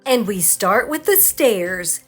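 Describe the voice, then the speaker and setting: A woman's voice: mid-range voice, big pitch swings, slow pace, faint music behind. A woman travel vlogger giving scripted narration of a sightseeing trip.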